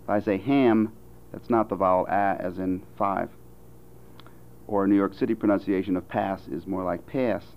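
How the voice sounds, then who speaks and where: An American man giving a careful, measured demonstration of vowel sounds as a phonetics instructor. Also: deep voice, fairly even intonation, dull audio, a little hiss or hum. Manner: slow, careful, measured delivery with deliberate example words. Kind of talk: recorded vowel demonstration lecture.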